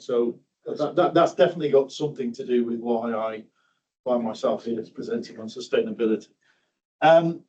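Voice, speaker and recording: In a meeting room, a middle-aged railway project engineer from South Yorkshire, England, presents a conference talk on railway projects, sounding hesitant and self-deprecating and often repeating words. His medium-pitched voice is mellow, picked up by a distant mic with dull audio.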